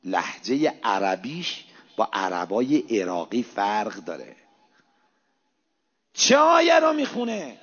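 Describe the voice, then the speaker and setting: A man preaching an impassioned sermon, swinging between hushed low asides and loud, rising exhortations. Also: huge pitch swings, long pauses, slightly rough. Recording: reverberant hall, dull lo-fi sound.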